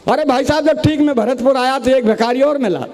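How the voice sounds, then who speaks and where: A man performs a comic poem on stage, telling his story through quoted dialogue. His voice sits high and sounds mellow and warm. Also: fairly quick, a little hiss or hum. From Rajasthan. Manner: storytelling with quoted dialogue, addresses audience as bhai sahab. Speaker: comic poet. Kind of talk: humorous poem recital on stage.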